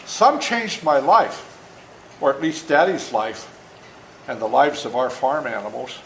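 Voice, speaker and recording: This older man, an author in his seventies, gives a storytelling talk and read-aloud to schoolchildren in a gravelly, sing-song, mid-range voice at a measured pace. The echoey room has faint noise.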